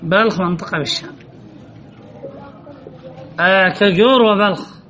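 A high-voiced, slightly bright man speaks a little slowly while teaching Arabic grammar from a classical text, reading passages, questioning students and echoing their replies. Faint background noise and a slightly dull sound mark the recording.

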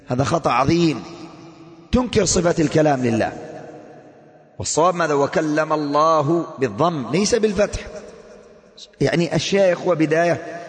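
A man preaching a sermon to a congregation, posing rhetorical questions and then answering them himself. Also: on the high side. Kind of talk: Friday-style sermon to a congregation. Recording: long echoing hall reverb.

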